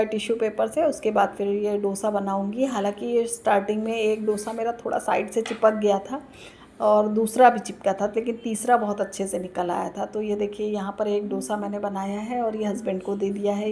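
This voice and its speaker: A woman's voice: medium pitch, a little mellow, slight background noise. A woman, narrating a voice-over for her home vlog, chatty and homely, explaining each step. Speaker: vlogger. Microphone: recorded voice-over.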